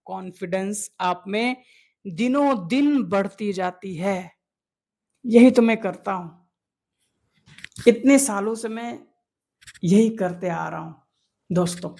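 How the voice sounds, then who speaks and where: This man, a video creator who coaches people on speaking fluently, has an extremely high, creaky voice with a somewhat dark tone. He delivers an earnest motivational talk, circling back to his key points and posing rhetorical questions.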